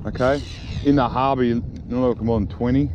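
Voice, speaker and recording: Out on a small harbour boat, a middle-aged man gives casual fishing commentary about his gear, leaning on fillers like "okay" and "all right." He talks fairly quickly in a mid-range voice with fairly even intonation. The action camera he wears records dull sound full of wind and water noise.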